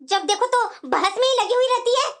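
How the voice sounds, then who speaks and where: A woman voicing a sharp-tongued, bossy mother-in-law in a cartoon, speaking in a mocking, scolding tone. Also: very high voice, animated, a little fast. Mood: taunting. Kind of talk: cartoon voice acting.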